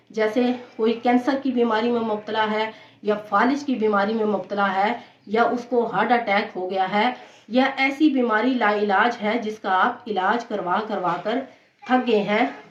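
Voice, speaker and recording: A woman's voice: medium pitch, slight background noise. A woman, a religious teacher, giving patient devotional instruction and repeating key points steadily. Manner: steady, patient explaining with frequent repetition. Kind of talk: devotional instruction on prayer recitations. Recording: roomy, dull lo-fi recording.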